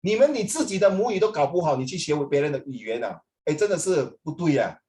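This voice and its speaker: A middle-aged language teacher with a Singaporean accent talks fast and very animatedly, his voice high-ish but dark in tone. Chatting informally with students, he slips between English and Mandarin and keeps adding tags like "ah".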